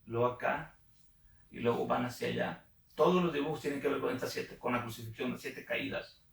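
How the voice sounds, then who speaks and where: With a fairly quick, mid-range voice touched by vocal fry, a man teaches a Bible study: he reads passages, explains them, and checks in through frequent questions. The mic is distant and the room echoes.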